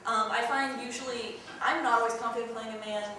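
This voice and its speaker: A young woman runs an acting workshop, chatting through tips and jumping into demonstrations. She is picked up from across a big room, so her voice rings with heavy echo. A steady hiss of noise sits under the whole recording. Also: on the high side, brisk. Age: young adult. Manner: chatty, demonstrative, jumps into loud yelled examples. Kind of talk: teaching a theatre workshop. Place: large echoey room. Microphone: distant camera mic. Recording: echoey room from far off, noisy.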